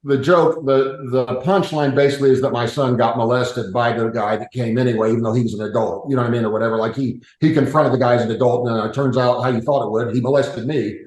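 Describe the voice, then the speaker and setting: A man who talks fast and rambles, doubling back over his words in casual podcast chat. His voice comes through with a noticeable roomy echo, and his pitch is average for a man. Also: steady tone, darkish tone. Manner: rambling, many fillers and restarts.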